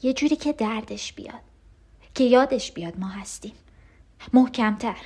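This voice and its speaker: A woman's voice: fairly high pitch, darkish tone, husky. An actress playing a frightened unborn twin girl who clings to her sister and pleads with her. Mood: urgent. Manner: urgent, breathless pleading with sudden cries. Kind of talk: radio drama acting.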